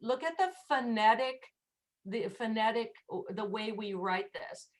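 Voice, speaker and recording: A woman's voice: on the high side, animated, takes it slowly. A woman teaching English pronunciation in an online class, patiently demonstrating sounds. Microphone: video call.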